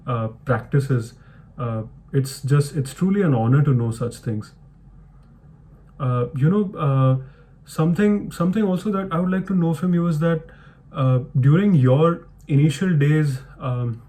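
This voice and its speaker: A man's voice: fairly high pitch, mellow. A man hosting a podcast who asks questions in an effusive tone and often uses filler words. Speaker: podcast host. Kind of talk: interview questions.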